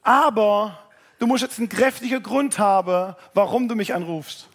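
A middle-aged pastor telling a personal story in a sermon, animated and addressing listeners directly. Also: male voice, sits high, moderate pace.

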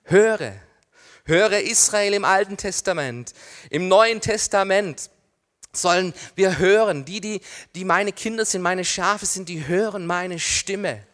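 A middle-aged male pastor preaching a sermon, swinging from loud calls to hushed near-whispers and asking listeners questions directly. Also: sits high, takes it slowly.

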